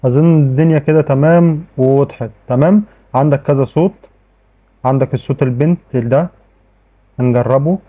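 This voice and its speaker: Fast-talking Egyptian man, tinny audio. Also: medium pitch. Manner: chatty, repeats "okay" often, frequent restarts. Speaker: tech tutorial host. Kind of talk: casual screen-recorded tutorial.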